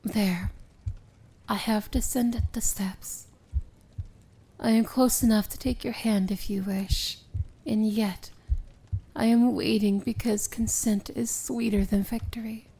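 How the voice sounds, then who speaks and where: Heard through poor audio, a woman portrays a powerful princess of dark fantasy in a fairly high, mellow, creaky voice held at a steady tone. She talks very slowly, tender and earnest yet solemn, her formal and poetic words often slipping into whispers in the manner of romantic ASMR roleplay.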